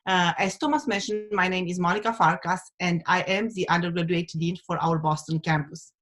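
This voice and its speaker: A woman's voice: lowish voice, fairly even intonation, a little fast, a bit bright. A woman from Romania, presenting as a university dean on a video call, with hesitant speech full of fillers. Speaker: undergraduate dean. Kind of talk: webinar presentation.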